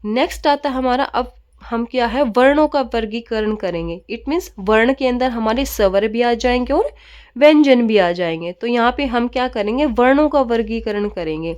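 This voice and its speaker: A woman teaches grammar in a steady classroom manner. She keeps asking questions and answering them herself, and drops English words into her sentences. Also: fairly high pitch, moderate pace.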